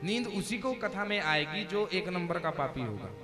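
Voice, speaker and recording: A man's voice: sits high, lively intonation, moderate pace. A male Bhagavata katha preacher giving a devotional sermon to a seated audience, jovial and teasing as he commands them to chant and sit still. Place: religious gathering before a seated audience. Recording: live recording with loud devotional music.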